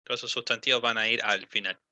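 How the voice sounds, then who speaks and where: A man's voice: medium pitch, fairly even intonation, bright, forceful tone, dry recording. Young man coaching pronunciation. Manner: patient, repeats and models words slowly, many fillers. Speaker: English teacher.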